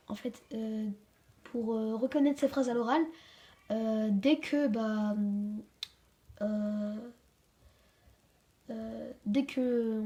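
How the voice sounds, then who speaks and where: A woman hosting a home-made grammar lesson, hesitant, with many fillers and restarts, slowing down to stress example sentences. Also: fairly high pitch, darkish tone. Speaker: channel host teaching a French grammar lesson. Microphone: camera she handles herself.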